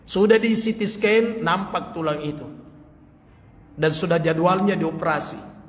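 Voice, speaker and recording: A man's voice: high-pitched, measured pace. A male preacher telling a story in a sermon, acting out the quoted dialogue. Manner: animated, acts out quoted dialogue with laughter. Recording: reverberant hall, faint ambience.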